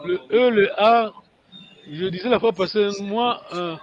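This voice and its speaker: Brief: male teacher on a video call, high voice, unhurried and halting, dull dry lo-fi audio. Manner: patient, hesitant, many pauses and fillers. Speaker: language teacher. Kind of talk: online language lesson.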